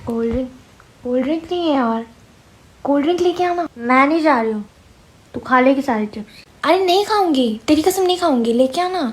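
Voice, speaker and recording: A woman's voice: sits high, lively intonation, a little fast, noisy background. A woman in a comedy sketch, pleading and bickering playfully.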